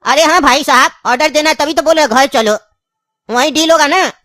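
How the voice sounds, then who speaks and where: A woman's voice: sits high, normal speed, heavy background noise, lightly acted. A woman voicing a scheming, insistent old grandfather in a cartoon, speaking with a tinge in a pleading, long-winded way. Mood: coaxing.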